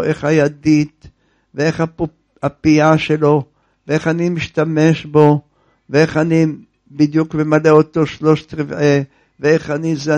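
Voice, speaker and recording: A man playing a distraught old man, gravelly high voice. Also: darkish tone. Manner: wailing, then pleading at length. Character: distraught old man mourning his broken jug.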